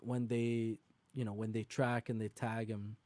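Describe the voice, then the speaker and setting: Male podcast host, warm mellow tone, dry close sound, lively storyteller. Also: fairly low pitch, a little slow, no room sound. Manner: animated storyteller, acts out quotes, laughs often. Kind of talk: casual podcast conversation.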